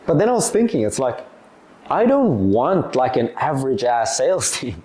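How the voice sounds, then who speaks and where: A man's voice: medium pitch, very animated, moderate pace, warm tone. A young man in his twenties, an agency owner, answering viewer questions in a loose, chatty way with lots of fillers. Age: 20s. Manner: loose and chatty, lots of "like", acts out little dialogues. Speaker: agency owner giving business advice. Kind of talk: casual talking-head Q&A.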